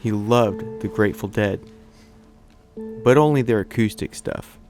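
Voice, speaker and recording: Soft background music sits under this video creator, a man in his forties with a lowish, slightly mellow voice. Unhurried, he chats casually with viewers and narrates reflective personal thoughts.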